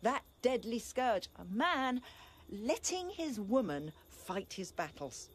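Slow, husky and exaggerated, with big swings in pitch, an actress's female voice carries the scornful anguish of a bitter, grieving young princess. In this classical stage tragedy she moves between low laments and sharp, impassioned outbursts.

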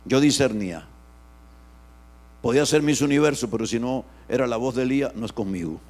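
A man pastor, preaching an animated sermon that swings from loud outbursts to hushed asides. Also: medium pitch, a little fast.

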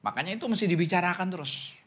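Animated pastor man preaching a sermon. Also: very fast. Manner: animated preaching, often calls the congregation "saudara"; acts out questioners' voices in higher pitch.

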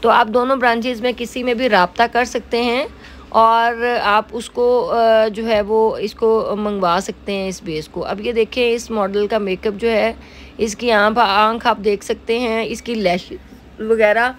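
Unhurried and fairly even in intonation, with a voice on the high side, a Pakistani-accented middle-aged woman walks through a casual makeup tutorial. She owns a salon, talks chattily, and keeps repeating the filler "jo hai woh." A little hiss or hum runs underneath.

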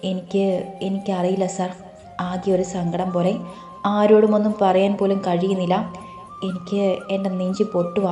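A woman voicing a tearful young woman, softly pleading. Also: mid-range voice, steady tone, a little fast, close to an everyday voice. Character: young woman torn before engagement, tearful. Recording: roomy echo, faint music.

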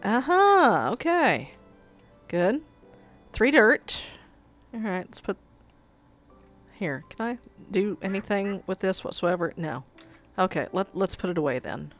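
Speaking slowly in a mid-range voice with big swings in pitch, a woman with a cold plays a video game over soft background music. Sucking a cough drop, she reads the quest text aloud and curses her mishaps in casual commentary.

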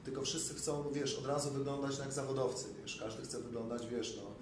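A man's voice: mid-range voice, fairly even intonation, a little fast. Talkative man in an echoey room. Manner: talkative, fills with "wiesz". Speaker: trainer and dietitian, co-host. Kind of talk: casual conversation. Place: bright office room. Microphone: far camera. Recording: echoey room from far off with noise.

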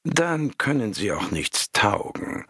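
A haughty woman drawls her questions into the phone, as a man puts her on. Her voice is pitched high, slow and dismissive. The sound is dry. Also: very animated, pushed and bright, husky, dry recording, full character voice. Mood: drawling.

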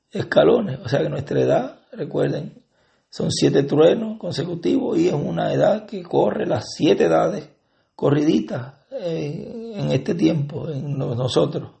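A man with a Puerto Rican accent preaching at a Bible study. He reads scripture aloud and then explains it, with frequent pauses. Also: on the high side, expressive, creaky, warm tone. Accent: Puerto Rican Spanish. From Puerto Rico. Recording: dull lo-fi sermon recording.

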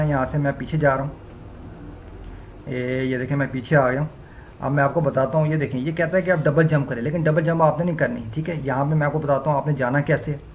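A man's voice: mid-range voice, gravelly, a little mellow, lo-fi sound, a little hiss or hum. A man hosting a gaming channel, talking viewers through gameplay step by step and leaning on the same filler phrases again and again. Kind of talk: gameplay walkthrough commentary.

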